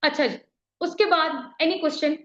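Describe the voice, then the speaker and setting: A woman's voice: high-pitched, takes it slowly. A woman with a Pakistani Urdu accent teaching a chemistry class, explaining patiently and often checking whether students follow. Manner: explains patiently, mixing English terms, often checks "theek hai?". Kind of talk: classroom lecture. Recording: echoey, slightly dull classroom recording.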